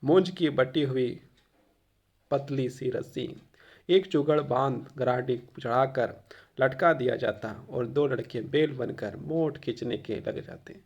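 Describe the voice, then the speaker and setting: Gravelly-voiced male Hindi teacher explaining a text. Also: mid-range voice, slow, a little mellow. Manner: reads a passage, then explains it in casual spoken Hindi with frequent fillers; occasional coughs. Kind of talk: reading and explaining a textbook chapter.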